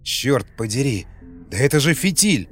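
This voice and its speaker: A man voicing a tough, impatient young male survivor who gives sharp orders. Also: medium pitch, big pitch swings, normal speed, husky, soft background music. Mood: urgent, brusque. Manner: brusque, commanding.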